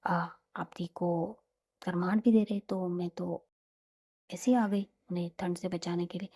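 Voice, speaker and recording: A woman's voice: fairly low pitch, steady tone, a little slow, warm tone. Woman voicing a cheeky younger sister. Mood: teasing.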